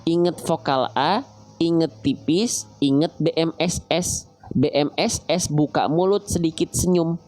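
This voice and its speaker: Man teaching Quran recitation, slow chanting. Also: on the high side, darkish tone, faint music behind. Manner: repeats recited phrases slowly, coaching and asking questions. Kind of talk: online tajwid lesson.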